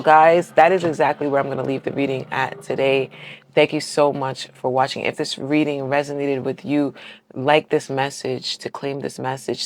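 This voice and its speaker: The woman's pitch is extremely low and creaky, with slight background noise behind her. As a tarot reader, she gives a casual reading for her whole audience, speaking in an uplifting, affirming manner and often asking "right?" Moved by it all, she's close to tears at times.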